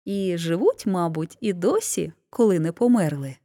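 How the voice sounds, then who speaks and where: A woman narrating a fairy tale aloud in an expressive storybook reading. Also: lowish voice, moderate pace.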